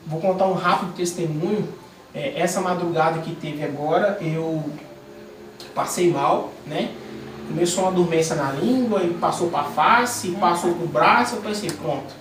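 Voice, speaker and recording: A man leads a small church cell group, delivering an informal sermon built around a personal testimony. His slightly high voice moves at a normal speed, animated and full of fillers and restarts, with crowd noise present. The mic is distant in an echoey room with faint noise.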